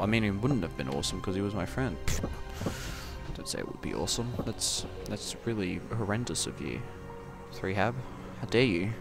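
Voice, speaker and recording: A man giving goofy, casual gameplay commentary, talking to the game and breaking into sudden loud yelps. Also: lowish voice. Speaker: gaming commentator. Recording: game music behind the voice.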